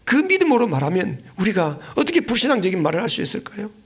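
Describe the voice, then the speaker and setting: A man's voice: high voice, sing-song, fast talker, slightly rough. A male pastor preaching a sermon, earnestly repeating key phrases and often prompting his congregation with questions. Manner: keeps asking the congregation questions and prompting replies.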